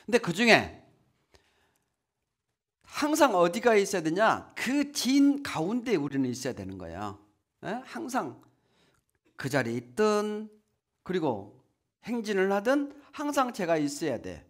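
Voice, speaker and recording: Guy preaching in church, bouncy animated voice, keeps going "예?" to the crowd. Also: sits high, measured pace, pauses often. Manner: lively, asks the congregation questions, acts out quotes. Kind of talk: sermon. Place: church hall.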